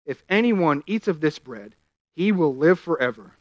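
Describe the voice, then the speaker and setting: A man preaching a sermon, reading scripture aloud and explaining it, his voice rising loud at key points. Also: a little high, very animated, moderate pace, dry recording.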